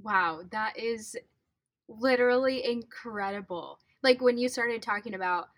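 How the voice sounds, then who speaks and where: A woman hosting a podcast, reacting excitedly with exclamations to her guest's story. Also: on the high side, unhurried, dry recording. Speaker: podcast host. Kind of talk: casual interview chat.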